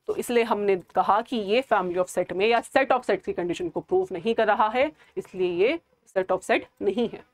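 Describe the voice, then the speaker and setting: A woman teaches a math lesson, her voice sitting somewhat high. She keeps posing questions and answering them herself, and slips English terms into her Hindi. The sound is dry and close, with no room around it. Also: no echo. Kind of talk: classroom lecture.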